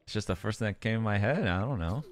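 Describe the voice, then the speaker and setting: A man co-streaming a game, chatting casually, excitable and full of exclamations. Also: on the low side, fast, faint music behind. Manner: excitable, exclaiming and musing aloud. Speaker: guest co-streamer. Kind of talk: casual gaming chat.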